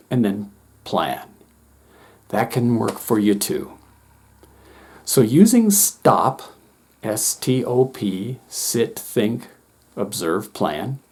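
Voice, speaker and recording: A middle-aged man, a former wilderness instructor, calmly explaining a coping technique to teachers in a steady, reassuring way. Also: mid-range voice, breathy edge. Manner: calm, steady, gently reassuring. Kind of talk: calm instructional talk to teachers.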